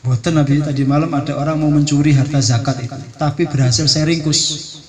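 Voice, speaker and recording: A man's voice: fairly high pitch, fairly even intonation, fairly quick, pitched below the performer's own voice, close to an everyday voice. A man voicing a humble, deferential young male companion reporting what happened. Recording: live hall with audience laughter.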